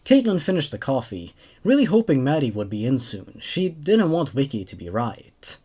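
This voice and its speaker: This host of a horror story reading show, a man in his twenties, narrates scripted stories and adds casual commentary in an animated, expressive way. His mid-range voice is slightly rough and runs at normal speed, captured by a large condenser desk mic in a small home room.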